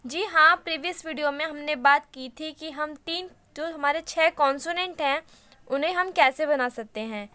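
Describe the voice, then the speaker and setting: A woman's voice: high-pitched, normal speed, bright, forceful tone, no echo. A woman teaching a shorthand lesson in a casual mix of Hindi and English, explaining each step patiently.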